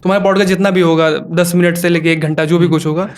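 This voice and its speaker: A man's voice: high-pitched, fairly even intonation, quick pace. A man, a comedian guest on a podcast, telling anecdotes casually, teasing his friend and quoting people as he goes. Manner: teasing, builds anecdotes with quoted dialogue.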